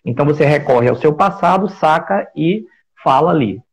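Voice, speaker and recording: A man's voice: on the high side, lively intonation, moderate pace. A man with a Brazilian Portuguese accent giving a reflective explanatory talk in a live stream, often restarting phrases and posing rhetorical questions. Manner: reflective, searching for words, with frequent restarts; builds points with rhetorical questions. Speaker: speaker on workplace listening.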